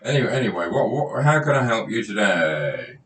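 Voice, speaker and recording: A man's voice: lowish voice, big pitch swings, brisk, fairly bright tone. A man playing a doctor in a home-made comedy sketch, chatty and hammy, often repeating himself. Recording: roomy, distant, faint noise.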